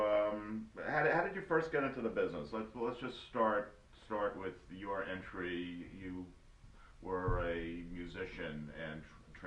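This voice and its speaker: A man hosting a talk show, chatting casually with stumbling restarts. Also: lowish voice. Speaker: radio show host. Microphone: GoPro camera. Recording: echoey room from far off, dull sound.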